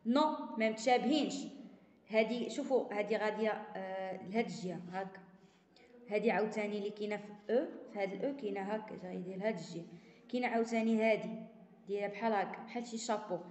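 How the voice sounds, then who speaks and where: A Moroccan woman teaching a primary-school French lesson. She reads French slowly and explains it in Moroccan Arabic. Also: mid-range voice, a little mellow, echoey room, big-room sound. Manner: reads French sentences slowly, then explains them quickly in Darija.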